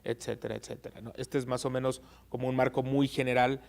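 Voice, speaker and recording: Gravelly-voiced man explaining election law. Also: medium pitch, flat delivery, darkish tone. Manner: measured, frequent "eh" fillers. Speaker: guest expert on election law. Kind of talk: explanatory interview answers.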